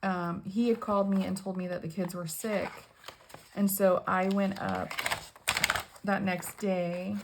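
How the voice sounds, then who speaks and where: Older woman, vlog host, gravelly low voice, flat delivery, slow halting speech, near tears. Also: slight background noise. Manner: halting, with many ums and pauses. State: tearful, on the edge of crying. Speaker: budgeting channel host. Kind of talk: casual personal vlog talk.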